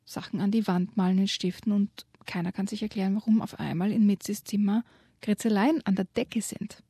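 A woman's voice: medium pitch, fairly quick, slightly rough, no room sound, clean studio sound. Woman reading a children's story aloud. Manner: lively storyteller, whispers for suspense. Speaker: guest presenting a children's book.

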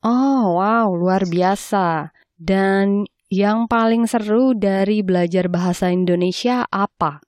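A woman working as a radio host, speaking clearly and courteously in a presenter's style as she narrates and interviews on a close microphone. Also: medium pitch, slow pace, darkish tone, no room sound.

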